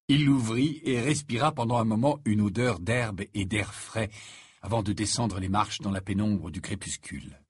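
Husky, expressive audiobook narrator, man. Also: mid-range voice, dry recording, studio quality. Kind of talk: scripted narration.

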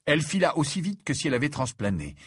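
Man reading a novel out loud, slightly high voice, kinda husky, dry close mic. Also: wildly swooping pitch, no room sound. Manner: measured storytelling. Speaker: audiobook narrator. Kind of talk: scripted narration. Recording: dry, close audiobook recording.

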